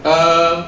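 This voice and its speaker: A man's voice: on the high side, fairly bright tone. A man giving a casual, storytelling sermon to a youth congregation, chatty and self-mocking with lots of filler words, recorded in a church hall. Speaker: youth preacher. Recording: roomy, distant mic, faint noise.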